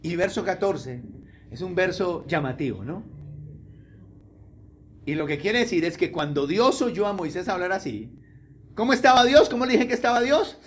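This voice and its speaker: A man's voice: sits high, lively intonation, moderate pace, pauses often, a little hiss or hum. A man preaching a sermon as a pastor, chatty and questioning the congregation. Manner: conversational, asks the congregation questions.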